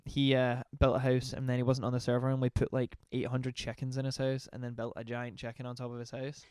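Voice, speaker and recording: A man's voice: medium pitch, completely flat delivery, fast talker, darkish tone, clean tone. A young man co-hosting a casual book podcast, rambling off on tangents and talking about himself in a self-deprecating way. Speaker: podcast co-host. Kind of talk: casual chat.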